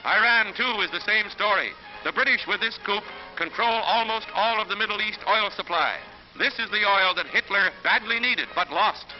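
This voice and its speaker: A man's voice: high voice, moderate pace. Man narrating an old newsreel. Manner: dramatic, emphatic announcing. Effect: old newsreel soundtrack. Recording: dull lo-fi 1940s film soundtrack with music.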